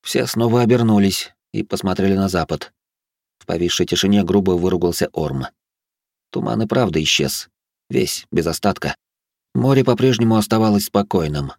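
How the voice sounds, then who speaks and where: Deep male narrator, measured fantasy audiobook reading, dry booth. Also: lively intonation, a little mellow, dry recording.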